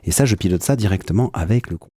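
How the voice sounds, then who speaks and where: A French man talks through his music gear in a live-stream tutorial, pausing often and dropping quick interjections as he clicks through settings. His voice sits a bit low and sounds mellow. The recording is dry and close. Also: lively intonation, breathy edge, no echo. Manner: explanatory, with frequent hesitations and "hop" interjections. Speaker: music producer demonstrating his live setup.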